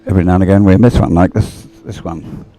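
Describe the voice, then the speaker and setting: Unscripted sports commentary comes from a man whose low-pitched, mellow voice moves fast with fairly even intonation, rambling and hesitant with a dry grumble. Audio quality is poor, and music from the event sound system plays behind him on the live feed.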